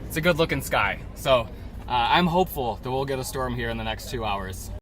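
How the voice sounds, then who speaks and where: Man in very loud outdoor noise, halting. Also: medium pitch. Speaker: storm chaser vlogger. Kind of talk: casual vlog update. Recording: very loud wind and vehicle noise.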